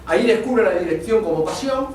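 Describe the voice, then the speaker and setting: High-voiced man in an echoey hall. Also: lively intonation, fast talker, darkish tone. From Spain. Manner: thoughtful, searching for words. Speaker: guest speaker. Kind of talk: reflective personal storytelling. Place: conference venue. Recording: echoey hall from far off with faint noise.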